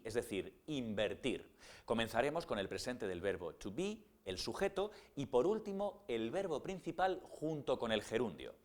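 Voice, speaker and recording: A man explaining grammar rules step by step in a scripted lesson narration, with slow, spelled-out example words. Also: medium pitch. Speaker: grammar teacher.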